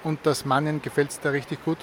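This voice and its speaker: A male reporter asking brisk questions in a street interview by a river. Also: a little high, little pitch movement, background noise. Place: outdoors on a riverside promenade.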